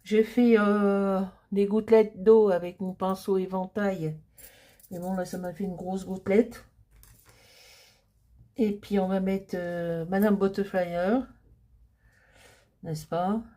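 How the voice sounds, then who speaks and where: A middle-aged woman chatting casually as she walks through a crafting project. Her voice is soft and mellow, and she takes her time, with relaxed pauses and frequent fillers between thoughts. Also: mid-range voice. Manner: chatty, hesitant, many fillers.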